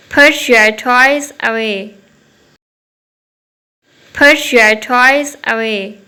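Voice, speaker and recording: Slow, bright woman teaching phrases. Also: on the high side, poor audio. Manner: slow, clear, each phrase said twice. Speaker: English teacher. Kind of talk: repeating phrases for learners.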